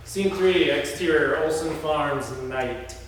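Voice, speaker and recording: The narrator here is a man with a slightly high voice who slowly reads screenplay scene headings and stage directions during a read-through. The recording picks him up from far away in an echoey hall, with faint background noise.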